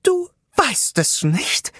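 A man voicing a very small female wizard with a squeaky voice. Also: wildly swooping pitch, drawn-out words, sharp tone, slightly rough, dry recording, clean studio sound, full character voice. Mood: incredulous.

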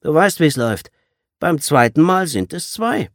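A man reading an audiobook, voicing a brutal teenage gang leader who mocks and shouts orders. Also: medium pitch, sing-song, moderate pace, dry recording, studio quality, pitched above the performer's own voice. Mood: taunting. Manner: shouting, mocking.

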